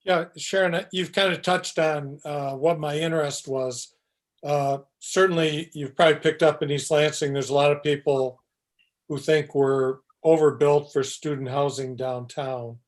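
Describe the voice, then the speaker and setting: A man's voice: a little high, fairly even intonation, moderate pace. A man on a planning commission, laying out his question at a public meeting, hesitant and full of restarts. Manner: hesitant, thinking aloud with many uhs and restarts.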